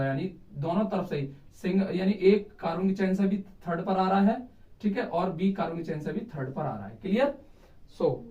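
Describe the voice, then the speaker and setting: A man with a high voice teaches a chemistry lesson at a board, often pausing to ask his students whether they follow. He sounds far from the microphone in a roomy space, and the recording is dull and lo-fi. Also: dark tone. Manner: repeats checks like "clear?" and "theek hai", counting carbons aloud.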